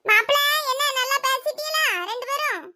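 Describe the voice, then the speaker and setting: A woman's voice: very high-pitched, a little fast, bright, forceful tone, voice pushed up, exaggerated voice. A woman voicing a chatty, fussing older mother-in-law in a cartoon, with a Thoothukudi Tamil accent, heard a bit away from the mic. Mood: fussy.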